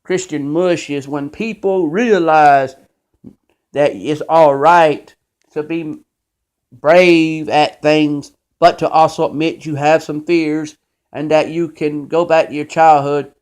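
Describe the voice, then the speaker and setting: A man's voice: a little high, steady tone, slow pace, darkish tone. A man hosting his own show, delivering an impassioned, scolding monologue about faith. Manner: preachy, emphatic, scolding. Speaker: show host.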